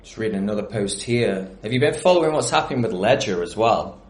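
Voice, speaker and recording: A man's voice: lowish voice, animated, quick pace. A man co-hosting a casual online audio chat, chatty and jokey. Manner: chatty, jokey, calls people brother. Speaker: co-host. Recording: echoey room with faint noise.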